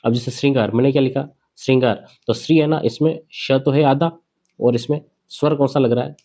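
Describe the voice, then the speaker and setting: A man teaching a grammar lesson at a board. He asks questions and answers them himself, and he repeats key words slowly. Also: medium pitch, warm tone.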